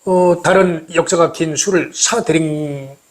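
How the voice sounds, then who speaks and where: A man's voice: on the high side, measured pace. A man speaking as a guest in a casual conversation, answering with short reactions and easy comparisons, recorded indoors in an old house.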